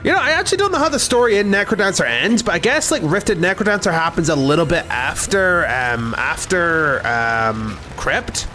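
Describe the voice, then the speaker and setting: A man's voice: high voice, big pitch swings, normal speed, hardly any pauses, sharp tone, faint music behind. A young man streaming a game, chatting casually in a rambling, talkative way. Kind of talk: casual gameplay commentary.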